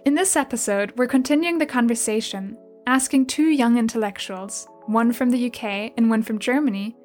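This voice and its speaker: A woman hosting a podcast, reading a smooth, even scripted introduction and asking interview questions. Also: on the high side. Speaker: podcast host.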